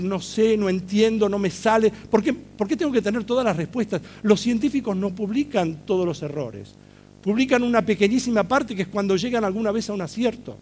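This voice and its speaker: A middle-aged man with an Argentine accent giving a public talk, telling stories in an animated way and asking the audience questions. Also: high-pitched, a little hiss or hum. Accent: Argentine Spanish.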